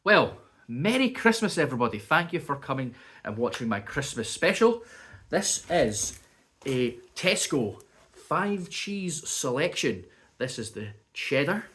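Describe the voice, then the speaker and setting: A man with a voice on the high side, sing-song and fairly bright, speaks at a measured pace while reviewing cheese and crackers at home. In this casual vlog he chats and muses aloud as he tastes, still a bit sniffly and coughing from a bug.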